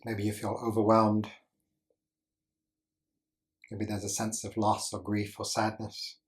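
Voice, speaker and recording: This is a man with a low voice leading meditation in a level, unchanging tone. He pauses on purpose between short phrases as he calmly instructs, much like a teacher would.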